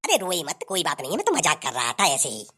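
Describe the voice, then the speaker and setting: Woman doing a low soft-spoken cartoon husband. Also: wildly swooping pitch, fast, slightly rough, heavily acted. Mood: teasing. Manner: lowered, soft mock-male voice. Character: teasing adult husband, joking, meek.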